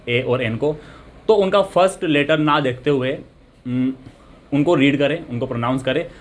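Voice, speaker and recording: A man teaching English grammar, patiently explaining and asking and answering his own questions. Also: medium pitch. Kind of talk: explanatory lesson.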